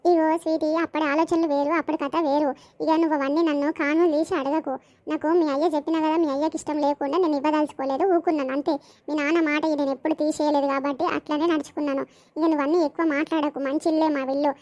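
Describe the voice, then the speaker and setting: A woman's voice: high voice, flat delivery, racing, darkish tone, muffled recording, lightly acted. A woman voicing a stern middle-aged mother, lecturing and scolding. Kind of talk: animated village comedy voicing.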